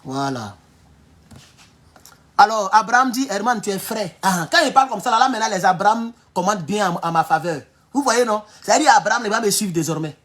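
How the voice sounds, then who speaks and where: Ivorian french guy on a live stream, animated and mocking, laughs a lot, goes from low mutters to loud outbursts. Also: brisk. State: sore back. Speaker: online political commentator. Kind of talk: casual livestream talk reading viewer comments.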